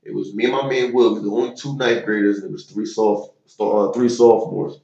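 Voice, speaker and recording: Low-voiced man telling old football stories. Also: steady tone, brisk, vocal fry, dark tone, reverberant, muffled recording. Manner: loose, slangy, with many fillers. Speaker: interview guest, former football player. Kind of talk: casual storytelling interview.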